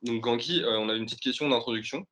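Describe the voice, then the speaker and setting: A man's voice: mid-range voice, quick pace, fairly bright tone, a little hiss or hum. A young man co-hosting a student webinar, casual and hesitant with fillers. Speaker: student co-host.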